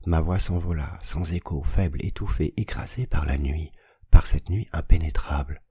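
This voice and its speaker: Very deep, husky male audiobook narrator. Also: warm tone, dry recording. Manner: measured reading, slowing on images and rising to cries at tense moments. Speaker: audiobook reader.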